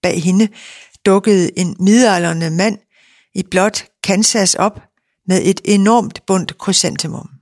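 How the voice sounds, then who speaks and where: A woman narrating a novel in a calm, even reading voice, in a dry recording. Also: mid-range voice, dry recording. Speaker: audiobook narrator. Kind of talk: scripted narration.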